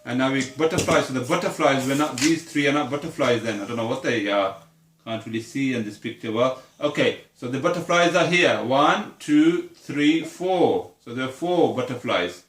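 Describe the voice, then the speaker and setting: Here a teacher speaks in a mid-range voice at a moderate pace, guiding a young child one-on-one as they count aloud. Her simple questions repeat patiently, and the room has a noticeable echo.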